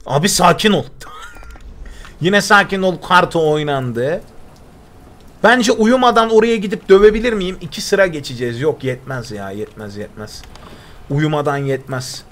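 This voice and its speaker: A man's voice: high-pitched, a little slow, a bit bright. A young man giving live commentary over a survival game, chatting with himself and thanking viewers in chat. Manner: chatty, talks to himself and reads chat aloud. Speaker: gaming streamer.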